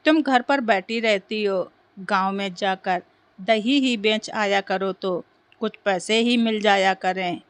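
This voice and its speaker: A woman's voice: mid-range voice, slow, no room sound. A woman voicing a bossy, greedy older mother-in-law who gives curt demands, in a storybook reading. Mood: demanding.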